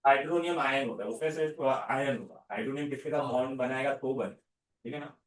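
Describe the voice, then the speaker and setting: A man's voice: mid-range voice, a little fast. A male chemistry teacher giving a classroom lecture, constantly coaxing students with questions and mixing in English terms. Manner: mixes Hindi with English terms.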